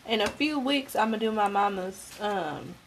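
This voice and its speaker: A woman in her twenties hosts a live cooking demonstration from her home kitchen, chatting directly to viewers and laughing easily. Her medium-pitched voice has lively intonation at a normal speed, over sizzling pans and clattering utensils.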